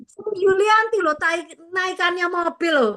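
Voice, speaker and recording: High, bright-voiced woman sales trainer. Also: unhurried. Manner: lively, effusive praise and coaching. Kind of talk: online sales training coaching.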